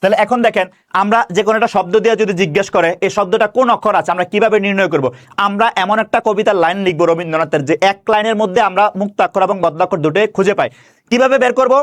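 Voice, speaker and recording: A man teaching grammar, asking questions and answering them himself and slowly stretching out example words. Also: sits high. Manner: stretches words slowly when demonstrating pronunciation. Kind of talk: classroom-style grammar lesson.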